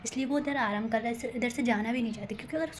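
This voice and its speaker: A young woman vlogger with a slightly high voice talks straight to camera in a nervous, rambling way, poking fun at herself as she goes. Faint noise sits under the recording. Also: racing. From India. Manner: nervous, rambling, self-mocking chatter. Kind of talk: casual vlog talk to camera. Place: rooftop and home room, indoors and out.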